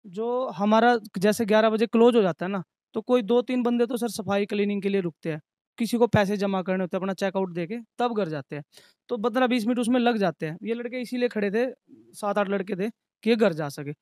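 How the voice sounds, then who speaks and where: Man, young adult, high-pitched, earnest, aggrieved, dry. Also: a little fast, darkish tone, no room sound. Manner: earnest, aggrieved, recounting in detail. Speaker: restaurant manager. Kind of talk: interview testimony.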